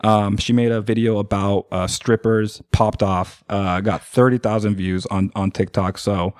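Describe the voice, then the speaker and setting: Chatty, low-voiced man in a dry studio. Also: fairly even intonation, unhurried, a little mellow, clean tone, no echo. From Oregon, USA. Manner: rambling, filler-heavy talk with constant "like" and "right?". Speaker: guest, marketing agency owner. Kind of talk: casual podcast chat.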